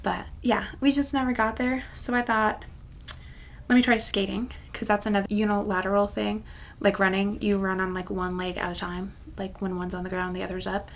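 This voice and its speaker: A craft channel vlogger of about thirty-one chats casually to her viewers on camera, rambling and poking fun at herself. Her mid-range voice stays level at a normal speed, with slight background noise.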